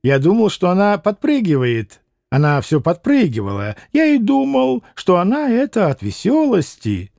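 A man's voice: high voice, wildly swooping pitch, normal speed, vocal fry, a little mellow, dry recording, studio quality, pitched above the performer's own voice, full character voice. A man voicing a fawning, talkative old landowner who tacks a deferential "-s" onto his words. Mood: ingratiating. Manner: ingratiating, adds deferential "-s" to words. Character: fawning old petty landowner, chatty fibber.

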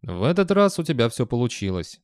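A man's voice: mid-range voice, big pitch swings, a little fast, a little mellow, smooth, no room sound, studio quality, close to an everyday voice. A man reading a nervous, rambling young man. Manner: hesitant, rambling explanations. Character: nervous, wry young man in a tight spot. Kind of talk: audiobook dialogue.

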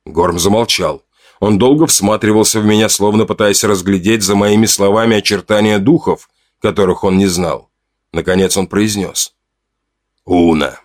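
A man narrating an audiobook in an expressive, dramatic storytelling manner. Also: fairly low pitch, normal speed. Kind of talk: scripted narration.

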